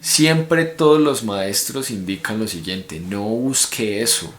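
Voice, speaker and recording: A man with a Colombian Spanish accent reads a spiritual book aloud and breaks off to explain it to his viewers. His voice sits very low and deep. The recording carries a clear echo from the room. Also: expressive, slow, a bit bright. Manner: explanatory, addresses viewers directly. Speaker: spiritual book reader and commentator. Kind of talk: reading a book aloud with commentary. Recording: echoey room.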